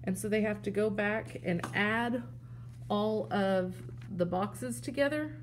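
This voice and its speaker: A woman teacher with a medium-pitched voice speaks slowly, walking through a classroom game step by step and showing the props as she goes. Her delivery is plain, steady and explanatory, and a faint hiss or hum sits under the recording.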